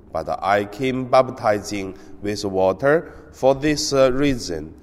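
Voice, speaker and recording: A man with a low-set voice delivers a homily at a very slow pace, hesitating often between phrases. The sound is that of a large church, with a long cathedral echo hanging after each sentence. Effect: cathedral echo, long church reverb. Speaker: priest. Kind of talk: gospel reading and homily.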